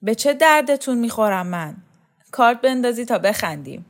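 A woman's voice: a little high, big pitch swings, pitched above the performer's own voice. A worn-out young man in a storybook, bitter and rebellious, voiced by a woman reader. He pleads and protests in a raised, agitated tone.

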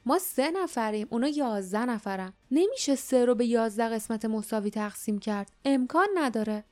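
A woman voicing a quick-witted young male hero who talks loudly and taunts. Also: fairly high pitch, expressive, faint music behind, lightly acted. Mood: taunting. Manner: loud, taunting.

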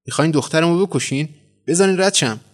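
A man's voice: on the high side, natural voice. A man doing a furious defiant mother. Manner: shouting, defiant threats.

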